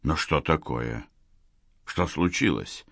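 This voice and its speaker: A man voicing a flustered, lovesick army colonel who mutters hesitantly in a low voice. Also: expressive, slow pace, gravelly, fairly bright tone, dry recording, studio quality, exaggerated voice.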